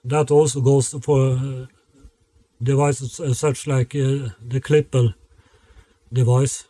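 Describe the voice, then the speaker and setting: A loudspeaker designer describes his work matter-of-factly, pausing often as he searches for words. His voice sits at a medium pitch with little movement, and there's no room sound.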